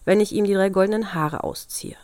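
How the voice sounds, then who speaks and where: A woman's voice: medium pitch, brisk, a little mellow, dry recording, natural voice. Shrewd kindly old grandmother, soothing and coaxing, read by a woman, storybook reading, dry sound. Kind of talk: fairy-tale reading.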